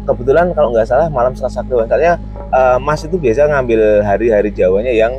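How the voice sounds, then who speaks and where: Male storyteller from Yogyakarta. He talks like he's chatting with a friend, in a middle-pitched voice, and often stalls on "eh" and restarts his sentences. Soft music plays faintly behind him. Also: fast, lo-fi sound. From Yogyakarta, Indonesia. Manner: hesitant, many "eh" fillers and restarts. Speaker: guest storyteller. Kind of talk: casual spoken storytelling.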